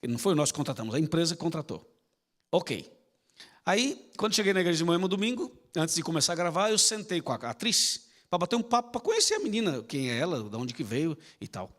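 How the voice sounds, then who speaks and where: A man preaching a storytelling sermon acts out dialogue and speaks directly to his church congregation, his slightly high, a bit bright voice swinging widely in pitch as he talks fast. The sanctuary's long reverb carries his words over background piano.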